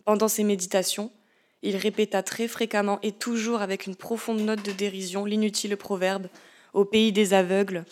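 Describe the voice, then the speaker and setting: Woman reading a story aloud, steady and measured, middle pitch. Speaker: narrator. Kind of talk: audiobook narration.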